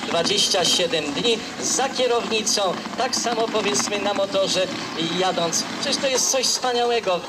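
Male spectator, high pitch, unscripted street vox pop over loud vehicle noise. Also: a little slow, hardly any pauses. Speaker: interviewed spectator. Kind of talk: spontaneous street interview. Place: outdoors by traffic.

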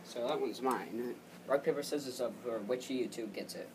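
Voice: mid-range voice, normal speed. A player joking around playfully in casual chat during a hide-and-seek game. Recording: noisy home capture.

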